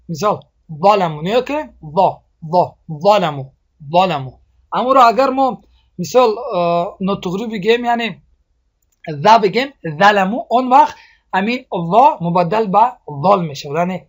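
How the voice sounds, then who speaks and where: A man with a Tajik accent teaching Quran recitation, drilling example syllables slowly and often asking his students if they see. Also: high voice. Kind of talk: explaining a lesson on vowel sounds.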